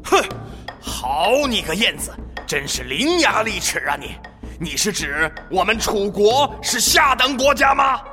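Man playing a high-pitched blustering ancient king, lively swooping voice, reverberant room, soft music underneath. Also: measured pace. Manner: theatrical, swinging pitch, mocking then sheepish. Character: vain, blustering ancient king, quick to mock. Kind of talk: children's story audio drama.

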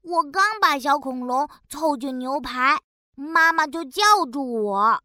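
A woman's voice: high-pitched, lively intonation, slow, bright, forceful tone, dry recording, studio quality, full character voice. A woman voicing a cheerful, proud little boy bear cub in a children's storybook, playful and sing-song, with sound effects. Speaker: storybook narrator in character.

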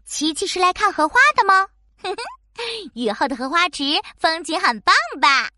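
A woman voicing a small, friendly, knowledgeable frog in a children's science cartoon, speaking in a frog voice punctuated with croaks and explaining things like a little teacher. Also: very high-pitched, lively intonation, a little slow, pushed and bright, no room sound, clean studio sound, exaggerated voice. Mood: cheerful, welcoming.

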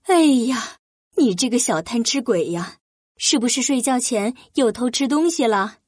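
Storybook mother rabbit, fairly high voice, fond teasing scold, dry close sound, read by the narrator. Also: expressive, normal speed, slightly rough, no room sound.

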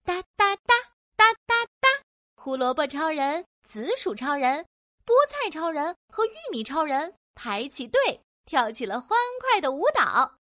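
A woman narrating a children's audio story in a playful, animated way with sound-effect words. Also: high voice, unhurried, no room sound, clean studio sound.

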